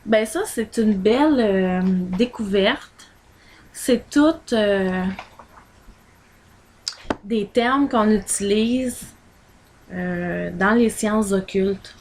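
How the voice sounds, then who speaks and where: A woman with a Québécois accent talks to the camera at an unhurried pace in a home vlog. Her chat rambles along with lots of fillers, and her voice sits at an ordinary middle pitch. A faint hiss runs underneath. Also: a little mellow. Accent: Québécois French. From Quebec. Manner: chatty and rambling, many fillers, holds items up to the camera. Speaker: vlogger recommending books. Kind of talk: casual vlog.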